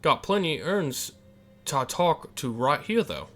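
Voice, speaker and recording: Man doing a cranky old sea captain, salty pirate slang, lively swooping pitch, faint music behind. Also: measured pace, full character voice. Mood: gruff. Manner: salty sailor talk with piratey "yar" and "landlubber". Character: gruff old male sea captain, weary and grumpy.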